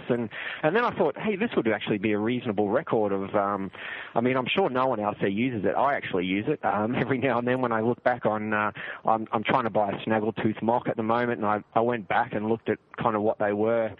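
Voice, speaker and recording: A man's voice: mid-range voice, dry recording. A man with an Australian accent, chatting casually as a podcast guest in an easygoing, rambling way. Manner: easygoing, rambling with many fillers. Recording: tinny dry phone line.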